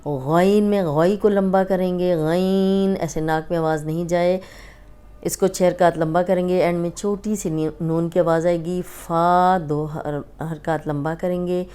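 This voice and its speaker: A woman's voice: fairly low pitch, steady tone, mellow, clear, resonant tone. Patient woman teaching letter sounds. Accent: Pakistani Urdu. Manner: patient, drawn-out letter recitation and explanation. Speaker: Quran reading teacher. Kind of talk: slow instructive lesson.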